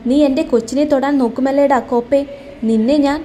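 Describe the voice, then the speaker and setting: A woman voicing a hot-tempered young man who is fiercely protective of the girl he loves and shouts in anger. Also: high-pitched, steady tone, brisk, a little hiss or hum, close to an everyday voice. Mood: furious. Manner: angry, loud outbursts, then tender.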